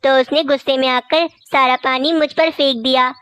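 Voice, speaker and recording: A pleading, complaining old mother crow from a cartoon, voiced by a woman. Her voice sits high and comes across dry and close. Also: steady tone, normal speed, a bit bright, no room sound. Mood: plaintive. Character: old female crow mother-in-law, meek and tearful. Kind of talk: cartoon voice acting.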